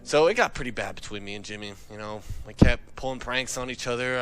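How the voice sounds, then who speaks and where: On a gaming talk show, a man tells a comic anecdote about gaming, casual, profane, dramatic and exasperated. His voice is medium-pitched and a bit bright.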